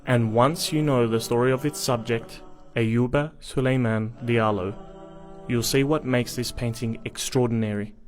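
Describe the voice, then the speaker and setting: Male narrator of middle pitch, steady measured read, music bed under the voice. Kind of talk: scripted documentary narration. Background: background music.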